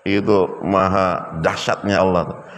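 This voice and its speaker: A male preacher giving a sermon, telling stories in an animated way and acting out quotes. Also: deep voice, takes it slowly, in a large hall, a little hiss or hum. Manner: animated storytelling with acted quotes.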